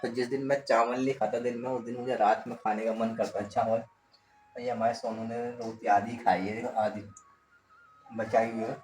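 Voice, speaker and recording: A man's voice: mid-range voice, flat delivery, moderate pace, noisy background. A man filming a casual home vlog, teaching his small child letters with short, repeated instructions. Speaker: father and family vlogger. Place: at home, indoors.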